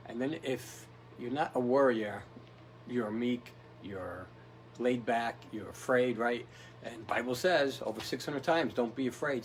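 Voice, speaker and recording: A man's voice: medium pitch, a little hiss or hum, low-quality recording. A man giving a casual motivational talk, rambling and tough-talking, often checking in with "right?". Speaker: motivational speaker.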